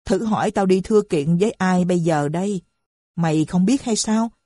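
A shrill, nagging old mother scolds her household, as a woman reader voices her. Her dark, husky voice sits over a dry, close recording, and she keeps up a steady stream of complaint. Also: moderate pace, dry recording, close to an everyday voice. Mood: indignant.

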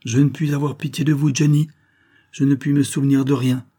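A man's voice: lowish voice, normal speed, mellow, breathy edge. A man voicing a frantic, grieving young woman who bitterly accuses and pleads. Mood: anguished.

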